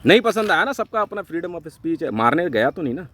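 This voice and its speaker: A man from India ranting angrily and swearing heavily in a vlog, jumping between loud outbursts and low mutters. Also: sing-song, a little fast, a little hiss or hum. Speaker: vlogger. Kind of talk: angry profane rant to camera.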